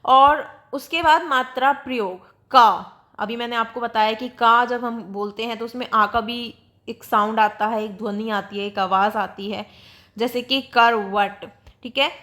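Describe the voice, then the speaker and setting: A woman's voice: a little high, fairly even intonation, measured pace, sharp tone. A woman teaching a grammar lesson, explaining patiently and repeating examples with frequent checks.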